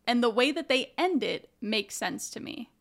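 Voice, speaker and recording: A chatty woman co-hosting a podcast, her voice on the higher side with a gravelly edge. She talks in loose, casual banter, tossing off quick asides and laughing often. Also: expressive, a bit bright. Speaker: podcast co-host. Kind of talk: casual chat.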